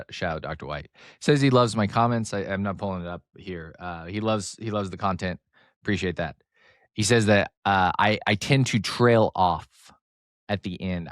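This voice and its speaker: Excitable mumbling man hosting sports podcast. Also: low-pitched, no echo, clean studio sound. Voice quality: slight speech impediment, mumbly. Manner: excitable, rambling, mumbles and trails off. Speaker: podcast host. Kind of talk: casual solo sports podcast talk. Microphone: close desk mic, sometimes turning off-axis.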